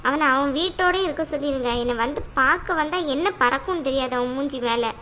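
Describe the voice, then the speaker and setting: Cartoon role: fiery young wife, high, piercing voice, voiced by a woman. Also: fairly quick, a little hiss or hum. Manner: complaining, sharp-tongued. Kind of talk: cartoon voice acting.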